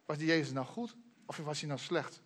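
A man preaching a sermon, retelling a Bible story in an earnest storytelling way, slowing on key names and dropping low at the ends of sentences. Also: fairly bright tone.

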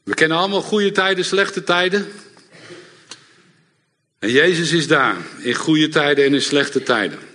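A middle-aged man preaching a sermon to a congregation, lively and direct, often checking in with the audience. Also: a little high, unhurried, long pauses. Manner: lively, engages audience with repeated "ja?". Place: church hall before a congregation. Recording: long hall reverb.

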